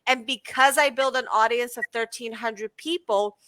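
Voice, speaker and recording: A bright, ringing woman's voice, a touch higher than most, talking as an interview guest. She is originally from Bulgaria and speaks lively and upbeat, with lots of "uh" and "um". The sound is close and dry, with no room around it. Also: normal speed, no echo. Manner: lively, upbeat, frequent fillers. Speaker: guest, content marketing coach. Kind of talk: casual interview chat.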